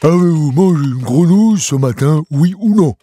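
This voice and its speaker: A man playing a soft, naive donkey. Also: a little high, lively intonation, no room sound, voice pushed up. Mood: anxious. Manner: slow, soft, earnest, turns frantic. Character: gentle naive male donkey, easily upset. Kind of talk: storybook character voice. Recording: close dry voice with soft music.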